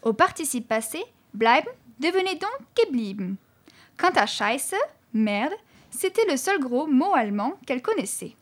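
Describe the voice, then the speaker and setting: High-voiced woman narrating a story. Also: big pitch swings, a little slow. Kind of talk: audiobook narration.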